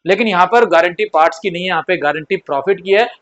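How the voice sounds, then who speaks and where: A man's voice: high-pitched, quick pace, a bit bright, dull audio. A man teaching accounts in a classroom lecture style, repeating key points and mixing in terms. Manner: repetitive, drills points, acts out pleading partners.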